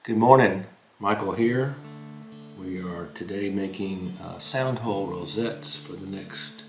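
An older man hosting a woodworking channel, explaining history and then demonstrating at his workshop bench in a calm, unhurried way. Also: low-pitched, faint music behind.

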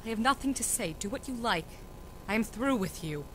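A woman playing a cold, impatient noble mother who talks to her daughter briskly and sternly. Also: a little high, animated, fairly bright tone, a little hiss or hum, rough recording. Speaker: student actor in a school reading.

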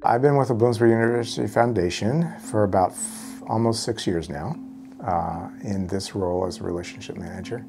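A middle-aged man answering interview questions in an office, halting with many fillers and restarts. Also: on the low side. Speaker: university fundraiser interviewee. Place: office indoors. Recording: background music.

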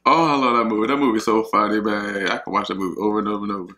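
A man chats on camera between bites, rambling and talking straight to his viewers. His voice is bright and forceful, and it rings through an echoey home kitchen. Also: lowish voice, steady tone, rapid-fire. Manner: chatty, rambling, talks to viewers as y'all. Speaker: mukbang vlogger. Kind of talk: casual chat while eating.

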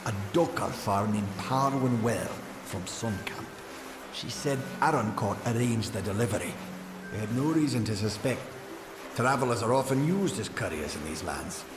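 An anxious gnome scribe played by a man from a fantasy game, hesitant and fretful. His pitch swings about in a lively way. The voice rings in a long hall reverb, with clear music behind it. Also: normal speed, natural voice. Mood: worried explaining. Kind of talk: video game character dialogue.

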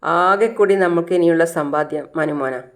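A woman's voice: deep voice, normal speed, lightly acted. A narrator voicing a troubled middle-aged mother who sounds weary and resentful.

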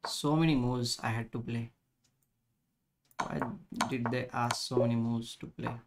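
A man in his thirties speaks with an Indian accent at a middling pitch. He chats casually like an instructor hosting a live stream, stopping and restarting, often saying a phrase twice. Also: steady tone, unhurried, background noise. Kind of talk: casual live stream chat while playing chess.

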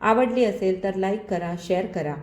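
A woman storyteller giving a steady, expressive scripted story reading. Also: mid-range voice, normal speed. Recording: roomy echo.

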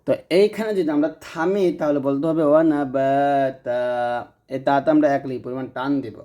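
Mellow-voiced man teaching a reading lesson. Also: on the high side, animated, fast talker. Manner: patient, repeats rules, checks understanding. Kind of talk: explanatory lesson.

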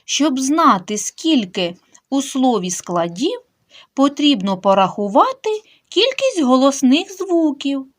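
A young woman leads a literacy lesson for small children. Her voice sits fairly high and moves in a lively sing-song. She speaks slowly and clearly, sounding out each syllable of a word one by one. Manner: sing-song, slow, emphatic syllable splitting. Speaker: preschool teacher.

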